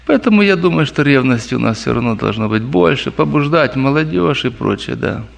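This gravelly, medium-pitched man talks fairly quickly as he shares anecdotes and answers questions at a church gathering. His manner is lively, and he addresses the audience as brothers.

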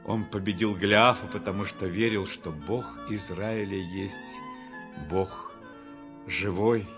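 A man narrating a Bible story for a storybook reading in a measured, expressive way. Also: low-pitched. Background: faint music.

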